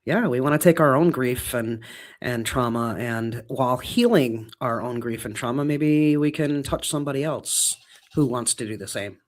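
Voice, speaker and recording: A man in his fifties co-hosting a casual podcast, speaking reflectively and often pausing on "um" and "you know". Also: mid-range voice. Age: 50s. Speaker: podcast co-host.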